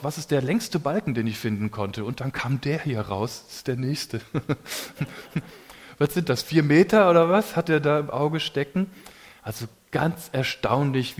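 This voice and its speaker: A man preaching a sermon to a congregation in a casual, colloquial way, with lively emphasis. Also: mid-range voice.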